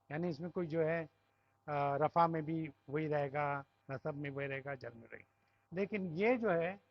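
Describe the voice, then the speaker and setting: A man's voice: high voice, fairly bright tone, dry recording, lo-fi sound. A man with a Pakistani Urdu accent teaching Arabic grammar, explaining step by step and checking with the class. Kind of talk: classroom lesson.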